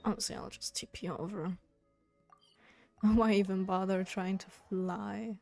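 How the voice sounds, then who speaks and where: A woman live streaming a video game, chatting casually with viewers in a quiet voice kept down at home, sounding a little sleepy. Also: mid-range voice, fairly even intonation, measured pace, gravelly. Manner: quiet, keeping voice down for a sleeping roommate. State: sleepy, yawning. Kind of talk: relaxed casual chat with viewers. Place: indoors at home. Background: game music.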